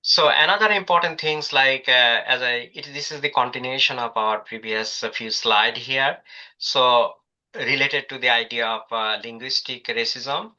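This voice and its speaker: A man leads a workshop over a video call for online professional development, the audio dull and lo-fi. Speaking at normal speed in a bright, forceful mid-range voice, he still hesitates often and fills gaps with filler sounds.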